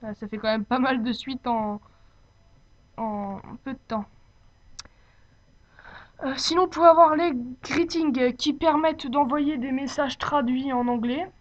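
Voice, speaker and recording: Girl doing a homemade software tutorial, kinda high voice, hesitant and unscripted, muffled lofi mic. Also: a little slow, long pauses. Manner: hesitant, searching for words. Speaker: tutorial presenter. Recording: dull lo-fi home microphone.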